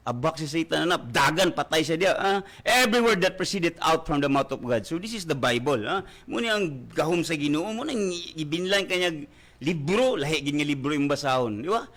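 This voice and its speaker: A man with a Filipino accent preaching a radio sermon as pastor. He preaches fervently, keeps tagging his lines with "ha?", and bursts into loud exhortations. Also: a little high, animated, fairly quick. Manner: fervent preaching with constant "ha?" tag questions.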